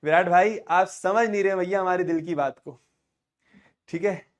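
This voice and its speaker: A man's voice: sits high, normal speed. A man teaching a live online math class, chatty and teasing, bantering with students and repeating questions to drill them.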